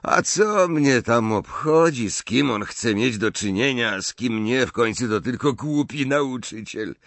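A man's voice: mid-range voice, very animated, slow pace, fairly bright tone, no echo, pitched above the performer's own voice, heavily acted. A man voicing an arrogant, spoiled teenage boy in an audiobook, speaking with a scornful drawl.

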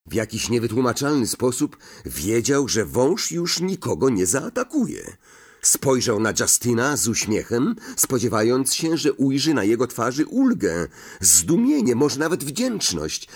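A male audiobook narrator reads at an unhurried pace, with expressive, dramatic inflection. His middle-pitched voice moves through wide, animated melodies. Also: breathy edge. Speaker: audiobook reader.

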